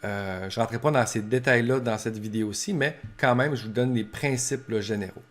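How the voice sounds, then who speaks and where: With a Québécois French accent, a professor gives family caregivers informal instruction in colloquial, practical language, acting out short examples as he explains. His mid-range voice is brisk with a fairly bright tone.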